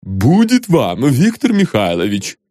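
A man plays an anxious, genteel woman of middle age in an audiobook. Her speech is hushed and urgent, with a lightly raised pitch. The sound is dry. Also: lively intonation, normal speed, slightly rough, no room sound.

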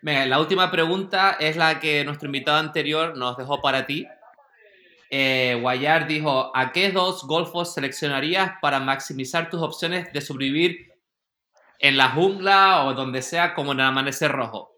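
A man's voice: fairly high pitch, normal speed, bright, forceful tone. A man co-hosting a casual podcast, firing off upbeat quiz-style questions. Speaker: co-host.

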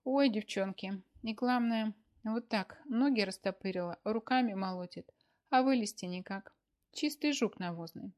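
A woman voicing a shrill, gossiping older market woman in a read-aloud story. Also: moderate pace, a little mellow, natural voice. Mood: gleeful.

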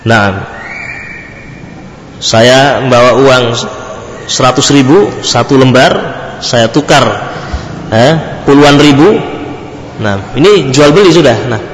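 A male religious teacher giving a lecture in a large mosque. He asks his listeners questions, pauses for them to fill in the answers, then supplies them himself, and drops Arabic terms into his talk. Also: a little high, a little hiss or hum. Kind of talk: classroom-style religious lecture. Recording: echoey mosque hall with long reverb.

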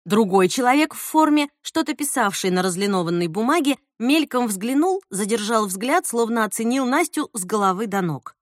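Expressive woman reading a story. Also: a little high, moderate pace, few pauses, no room sound, clean studio sound. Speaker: audiobook narrator. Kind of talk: scripted narration.

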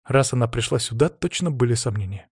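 A man narrating an audiobook in a measured, even storytelling manner, close to the mic. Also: mid-range voice, slightly rough, no echo. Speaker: audiobook reader. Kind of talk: scripted narration.

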